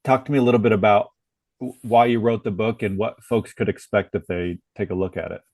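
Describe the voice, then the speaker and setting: A man's voice: on the low side, fairly even intonation, a little fast, darkish tone, dry recording, studio quality. An American man hosting a podcast, asking friendly, rambling questions with fillers. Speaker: podcast host. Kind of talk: interview questions.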